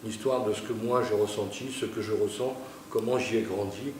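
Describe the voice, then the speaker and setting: A man's voice: fairly low pitch, fairly even intonation, moderate pace, noisy background. A man from France speaking earnestly, with some hesitation, about joining an amateur theatre group. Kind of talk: casual spoken account. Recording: echoey room, distant mic.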